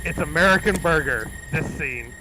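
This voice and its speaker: A man's voice: a little high, animated, normal speed, background noise. A man co-hosting a casual livestream, chatting about movies in a rambling, laughing way, a little tipsy and swearing casually. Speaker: livestream co-host.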